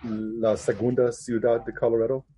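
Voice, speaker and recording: A man from the United States, a student in an online language class, speaking hesitantly with halting fillers between words over a video call. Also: medium pitch, little pitch movement, mellow, slight background noise.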